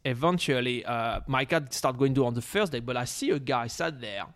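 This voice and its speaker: A man's voice: medium pitch, lively intonation, moderate pace. A young adult man casually telling a long story, rambling with many fillers and acting out what people said. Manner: rambling, many fillers, acts out quotes in shouted voices. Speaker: storyteller on a chat show.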